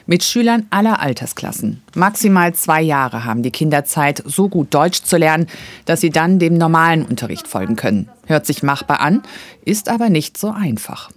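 A woman narrating a scripted news report calmly and clearly. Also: low-pitched, normal speed, no room sound.

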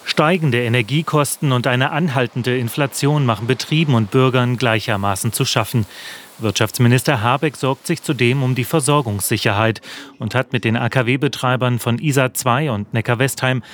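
A man's voice: mid-range voice, normal speed. Matter-of-fact male news reporter. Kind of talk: scripted news report voice-over.

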